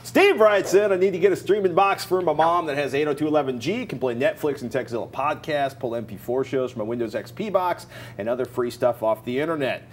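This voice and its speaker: In an indoor TV studio, an American man in his forties co-hosts a tech show, chatting casually and reading sponsor spots. His voice sits on the high side and moves fairly quickly, with slight background noise.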